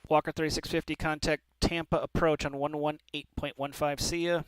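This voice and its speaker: A man's voice: on the high side, flat delivery, a little fast, rough recording. A man working as an air traffic controller, giving procedural, clipped radio instructions with courteous sign-offs. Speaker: air traffic controller on a flight-simulation network.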